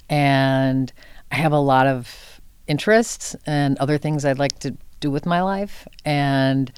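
An older woman who is executive director of a film center speaks as an interview guest, informal and earnest, thinking aloud in short conversational phrases. Her voice is extremely low and smooth, with no echo.

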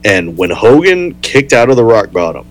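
A man's voice: medium pitch, very animated, moderate pace, low-quality recording. A man in a casual chat, eagerly adding his own memories of a shared event. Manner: eager, jumps in to add memories. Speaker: podcast co-host.

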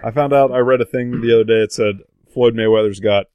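A man's voice: mid-range voice, steady tone, fast talker, clean tone, no echo, muffled recording. A man chatting casually, telling a story in a rambling way with many fillers. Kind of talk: casual chat.

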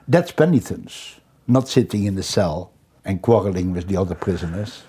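Deep dark-voiced older man recounting stories. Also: expressive, slightly rough. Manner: reflective, halting with restarts. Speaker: storyteller.

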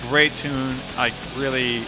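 A man's voice: mid-range voice, level tone, takes it slowly, over music. A man co-hosting a casual podcast, talking loosely with plenty of fillers. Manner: loose, rambling, lots of fillers. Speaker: podcast co-host.

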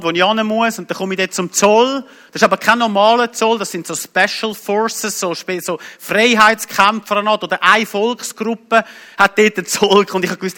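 A Swiss man with a Swiss German accent telling a personal testimony, vivid and emotional, often dropping to a hushed voice. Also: high voice. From Switzerland. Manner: emotional, vivid retelling with sudden drops to hushed tones.

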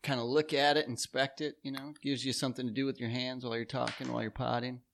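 A man's voice: mid-range voice, little pitch movement, fast, creaky, fairly bright tone, slight background noise. A man hosting a casual chat, joking with mock-serious banter. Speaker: host.

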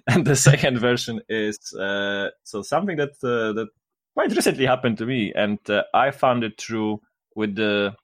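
A man with a Polish accent chatting casually, pausing as if translating from Polish in his head. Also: on the low side. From Poland. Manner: translating in head, searching for English words. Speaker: podcast guest. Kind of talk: casual chat.

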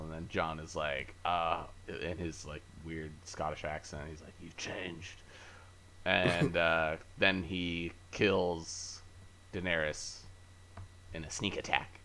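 A man's voice: sits low, fairly even intonation, slow pace, pushed and bright, slight background noise. A man hosting a podcast, casually recapping from memory in a rambling, easygoing way with many fillers and self-corrections. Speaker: podcast host. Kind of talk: casual chat.

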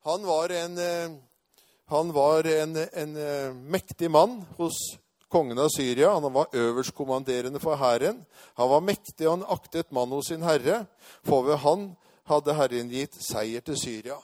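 A man's voice: fairly high pitch, dry recording, clean studio sound. Fervent storytelling male preacher. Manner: storytelling, rising to loud proclamation. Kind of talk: sermon with personal testimony.

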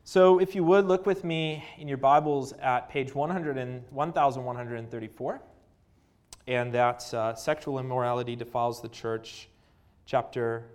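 A Canadian-accented man preaches a sermon, reading scripture and praying earnestly, with frequent pauses and fillers. His voice sits in the mid-range.

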